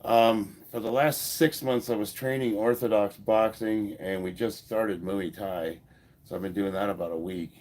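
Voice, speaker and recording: A powerlifter in his fifties with an American accent runs a laid-back livestream, replying to viewers' comments bluntly and with some swearing. His voice is fairly low and a little mellow, delivered at a moderate pace with fairly even intonation, and a head cold leaves him stuffed up.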